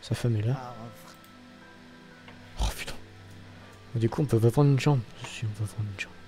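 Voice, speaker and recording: A young man talks through his gameplay in a relaxed, rambling way, swearing casually and waving points off with a quick "anyway". His voice is soft and mellow. Faint game music sits behind him. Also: medium pitch. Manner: rambling, swears often, trails off with "bref". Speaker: gaming channel host. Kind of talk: casual let's-play commentary.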